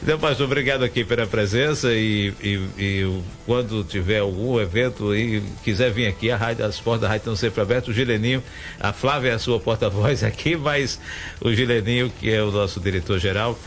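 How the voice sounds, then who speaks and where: A man's voice: on the low side, a little fast. Radio host guy, middle-aged, talks a lot and restarts his sentences. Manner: chatty, rambling, many restarts. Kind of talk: radio interview.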